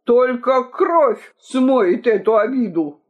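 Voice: mid-range voice, sing-song, slow pace, voice pushed up. The storyteller voicing a haughty, touchy rival king in a storybook reading, speaking in an offended hiss, on a dull lo-fi recording. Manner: hissing, offended.

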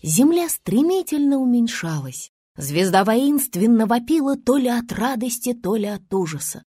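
Animated woman reading a children's story. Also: normal speed, slightly rough, no room sound, soft background music. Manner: animated storyteller with big pitch swings. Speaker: narrator.

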